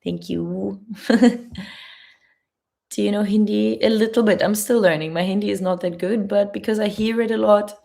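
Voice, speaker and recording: A woman's voice: mid-range voice, steady tone, a little fast, creaky, hardly any pauses, mellow. A young woman with a German accent, a travel vlogger answering chat questions on a live stream in a chatty, laughing, careful way.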